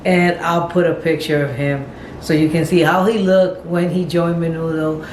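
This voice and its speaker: A middle-aged woman vlogging a tribute to a pop singer gives loose, rambling commentary, thinking aloud and repeating or rephrasing herself. Her voice sits low, steady and a little mellow, at a moderate pace, in an echoey room with faint background noise.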